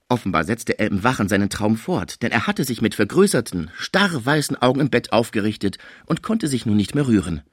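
Lively male audiobook narrator. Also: mid-range voice, slightly rough, no room sound, studio quality. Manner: lively, expressive reading. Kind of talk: scripted narration.

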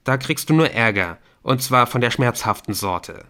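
A man's voice: medium pitch, animated, moderate pace, bright, forceful tone. A man reading an audiobook, voicing an irritable, defensive teenage boy who talks in a brusque, snappish way. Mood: curt.

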